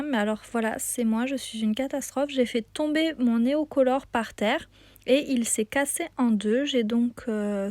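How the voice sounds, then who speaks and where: A woman's voice: sits high, no room sound. A woman hosting a craft tutorial in a casual voice-over, chatty and enthusiastic, with lots of hesitant fillers. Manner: hesitant, frequent "euh" fillers. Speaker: craft video host.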